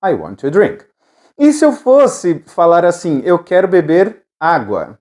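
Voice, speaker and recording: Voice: medium pitch, very animated, a little slow, a little mellow. An English teacher giving a recorded lesson, patiently repeating drill phrases and checking in with the students.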